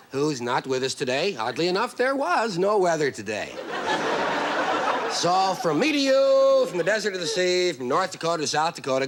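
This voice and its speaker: A man's voice: a little high, a bit bright, a little hiss or hum. Man doing mock newscaster sign-off. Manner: smooth broadcaster patter, mock-sincere. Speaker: comedian. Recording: live stage with audience.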